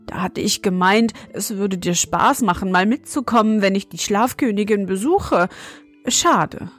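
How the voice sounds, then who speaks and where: A woman's voice: medium pitch, expressive, unhurried, fairly bright tone, soft background music. A woman voicing a small, stern grey old forest gnome in a storybook reading, with a thin, fine voice and a scolding, proud manner. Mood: wistful.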